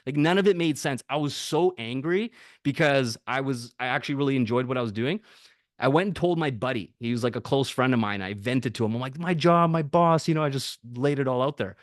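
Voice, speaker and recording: A man in his thirties telling stories from his working life in a casual, animated way, swearing often and laughing as he goes. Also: a little high, no echo, studio quality. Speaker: podcast guest. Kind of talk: casual storytelling.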